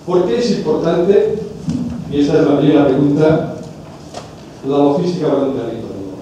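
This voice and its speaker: A man in his fifties from Catalonia with a Catalan accent, giving a conference lecture in a measured way, often pausing and restarting his phrases. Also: fairly high pitch, lively intonation, dark tone, muffled recording. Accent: Catalan Spanish. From Spain, Catalonia. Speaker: conference speaker. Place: large conference hall. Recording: echoey hall from far off, noisy.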